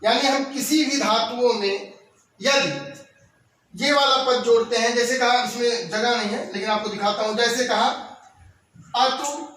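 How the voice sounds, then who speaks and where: A man with a very high voice teaches a classroom grammar lesson, reciting verb forms one by one at a very slow, deliberate pace. He sounds distant from the mic, in a strongly echoing room. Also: fairly even intonation, sharp tone, a little hiss or hum. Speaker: Sanskrit teacher.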